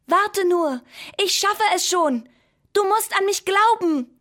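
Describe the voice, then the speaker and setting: A woman voicing a small, eager male pencil that calls out in a very high, excited voice in a storybook tale. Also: slow, exaggerated voice. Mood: eager calling.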